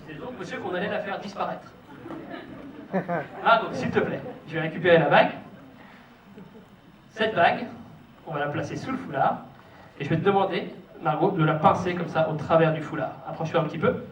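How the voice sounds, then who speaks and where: High-pitched man, kids' party magician in echoey hall. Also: fairly quick, pauses often. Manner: theatrical showman, playful teasing, coaxing children and audience. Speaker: stage magician hosting a children's magic show. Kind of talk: live kids' party magician patter to children and families. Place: show venue with a stage and live audience. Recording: echoey hall, distant mic, noisy audience.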